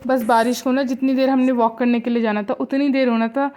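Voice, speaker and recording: A young woman narrates a casual home vlog in a chatty, friendly flow, slipping English words into her talk. Her voice sits a touch high. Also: steady tone, a little fast, a little mellow. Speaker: vlogger.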